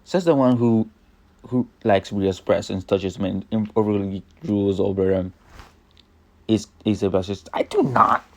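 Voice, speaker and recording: A young man reading his own fan fiction aloud, rambling and halting with many fillers and restarts. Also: fairly low pitch, fairly even intonation, warm tone. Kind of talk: improvised fan fiction narration.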